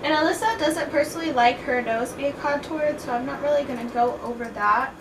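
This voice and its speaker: A woman's voice: high-pitched, a little fast. A tipsy, playful woman giving a casual makeup tutorial, chatting loosely as she works. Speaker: makeup video host. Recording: distant, echoey, noisy room.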